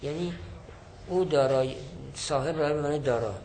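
Lecturing on a classical Arabic text, this teacher reads it aloud and explains each line, going back over points and putting them in new words. His voice is fairly high and warm, and the rough recording carries a little hiss or hum.

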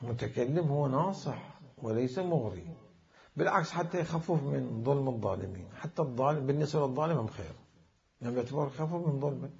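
A man teaching a classical religious jurisprudence lecture, deliberate, posing questions and answering them himself. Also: medium pitch, animated, gravelly, darkish tone. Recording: dull lo-fi recording.

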